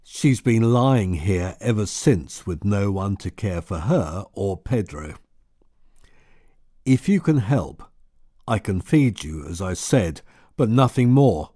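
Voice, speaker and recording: A man's voice: lowish voice, sing-song, takes it slowly, warm tone, no room sound, studio quality, heavily acted. A man voicing a rude, blunt middle-aged laborer in an audiobook. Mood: gruff. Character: gruff, rude middle-aged male plantation worker.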